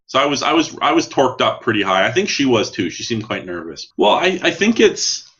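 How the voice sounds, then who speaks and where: A man telling a personal story as an interview guest, candid and halting, repeating words as he searches for phrasing. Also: medium pitch, big pitch swings, a bit bright, dull audio.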